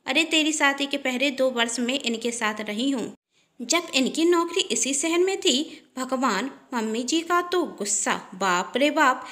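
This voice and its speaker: A woman's voice: high-pitched, animated, a little slow, fairly bright tone, voice pushed up. A woman voicing a scheming elder sister-in-law who gossips in a coaxing, falsely sweet tone.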